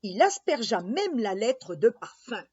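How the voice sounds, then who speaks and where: A woman reading a children's story aloud, slow and expressive. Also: on the high side, slightly rough. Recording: dull lo-fi sound.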